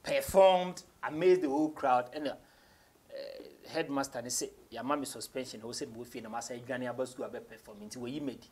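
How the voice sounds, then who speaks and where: During an interview in a small radio studio office, a young Ghanaian rapper sits on a couch and casually spins stories in English and Twi. His mid-range voice has a darkish tone and moves a little fast.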